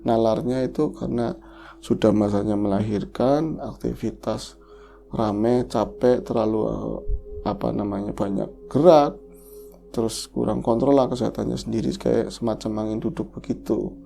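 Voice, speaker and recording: A man's voice: lowish voice, normal speed, creaky, dark tone, soft background music. A man hosting a horror podcast, emotionally retelling a listener's tragic story in the first person.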